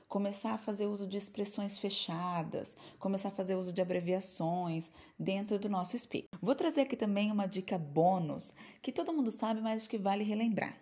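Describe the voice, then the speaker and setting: A Brazilian woman teaching English in a casual online lesson. She speaks in a lively, chatty way, with her pitch in a mid range for a woman, and she slips English words into her explanations. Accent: Brazilian Portuguese. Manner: lively, chatty, mixes English terms into speech.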